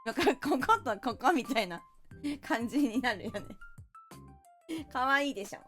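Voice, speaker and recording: A woman's voice: on the high side, expressive, moderate pace, a bit bright, soft background music. A woman streamer chatting casually while playing a party game, playful and teasing with mock-indignant outbursts.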